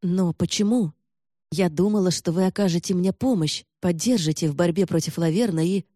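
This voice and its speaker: A defiant young noblewoman from a fantasy audiobook, as read by a man, firing sharp, accusing questions at an old ally. The voice is dark and mellow, recorded close and dry with no room sound. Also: sits high, moderate pace, no echo. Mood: pleading.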